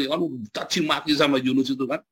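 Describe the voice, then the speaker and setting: Husky-voiced male pastor preaching. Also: mid-range voice, steady tone, brisk, fairly bright tone. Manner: chatty, keeps addressing listeners, chuckles often. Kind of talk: conversational sermon.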